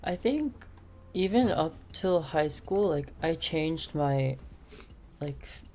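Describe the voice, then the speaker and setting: A young woman who hopes to become a teacher answers casual podcast interview questions hesitantly, filling pauses with lots of "like" and "um." Her voice is deep and warm with lively intonation, she speaks slowly, and there's a little hiss or hum.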